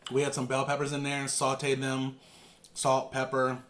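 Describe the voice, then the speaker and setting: A man with a medium-pitched voice chats to viewers in a casual mukbang style. He talks through mouthfuls, chewing as he goes, in loose informal phrases that he often repeats for emphasis. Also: completely flat delivery, moderate pace, a bit bright. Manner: talks while eating, with chewing and savouring murmurs. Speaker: vlog co-host.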